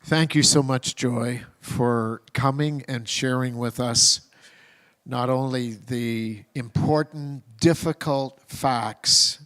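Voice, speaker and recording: Slow, gracious man moderating. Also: mid-range voice, a bit bright. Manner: gracious, unhurried, with fillers. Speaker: session moderator. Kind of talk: closing announcements.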